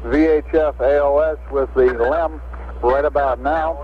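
A man calling from mission control over a breaking-up space radio link, brisk and formal, following clipped radio procedure. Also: on the high side, fairly even intonation. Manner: brisk, formal, reads out numbers. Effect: breaking-up space radio transmission. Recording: muffled archival radio link with crowd noise.

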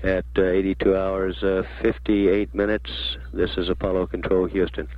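A man giving official mission control commentary in a measured, matter-of-fact, hesitant way. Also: sits low, little pitch movement, slight background noise. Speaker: mission control public affairs announcer. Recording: dull archival radio broadcast.

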